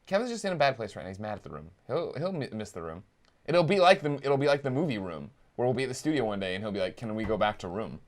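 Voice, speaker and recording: A man's voice: fairly low pitch, big pitch swings, fast talker. A man in his thirties co-hosting a casual comedic talk show, joking in a playful, boisterous way. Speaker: co-host.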